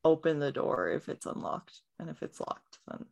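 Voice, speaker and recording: A woman playing a tabletop game, relaxed, describing her character's actions. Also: deep voice, moderate pace, creaky. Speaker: player.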